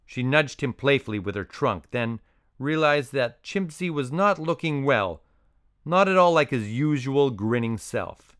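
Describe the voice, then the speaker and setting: A man's voice: medium pitch, a little slow, smooth, dry recording. Man narrating a storybook, dry studio sound. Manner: even, descriptive storytelling.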